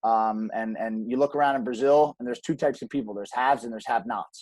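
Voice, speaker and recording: A man's voice: mid-range voice, brisk, a little mellow, no room sound. A man speaking earnestly as a podcast guest, emphatic, with frequent restarts and ums. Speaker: podcast guest, gym co-owner. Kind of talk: conversational interview.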